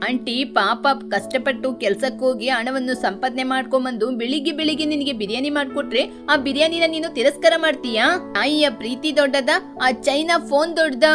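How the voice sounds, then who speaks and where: A woman doing a cheeky, preachy boy bird. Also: high-pitched. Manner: teasing, preachy, fast-talking. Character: cheeky, talkative young male bird who lectures his friend. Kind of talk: cartoon voice acting.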